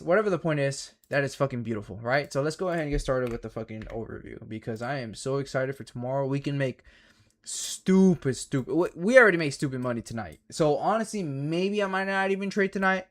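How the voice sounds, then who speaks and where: A man's voice: on the high side, a little fast. A man giving casual live-stream commentary as a trading mentor, swearing often in slangy, emphatic, repetitive phrases.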